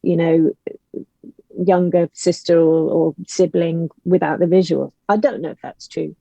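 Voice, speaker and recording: As a podcast guest, this audio drama writer and actor gives emphatic opinions in a conversational style. Her lowish voice is warm and steady, a little slow, with vocal fry. The call audio sounds dull, lo-fi and roomy.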